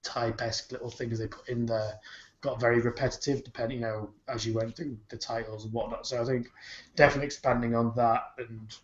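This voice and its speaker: Man, casual podcast chat, rambling, swears a lot, mid-pitched voice, echoey room, muffled sound. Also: level tone, brisk. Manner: swears freely, rambling with fillers. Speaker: podcast co-host. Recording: dull, roomy podcast recording.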